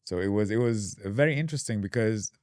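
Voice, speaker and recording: A man from Dubai in his thirties, a podcast guest talking casually and explaining his path with relaxed fillers. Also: on the low side, quick pace, no room sound, studio quality. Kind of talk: casual interview.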